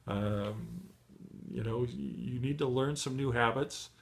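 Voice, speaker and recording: A middle-aged man giving a motivational training talk to beginners, encouraging and full of fillers and restarts, his voice going hoarse. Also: mid-range voice, slow, slight background noise. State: losing his voice. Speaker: online marketing trainer.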